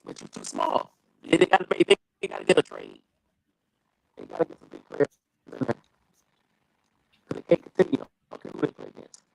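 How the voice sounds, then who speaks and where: A woman's voice comes through a failing live-stream connection, breaking up with static and dropouts. Her pitch swings widely as she talks. She talks bluntly and keeps repeating her point. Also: huge pitch swings, moderate pace, creaky, pauses often, darkish tone, rough recording. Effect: breaking-up stream audio with static and dropouts. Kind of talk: casual sports chat.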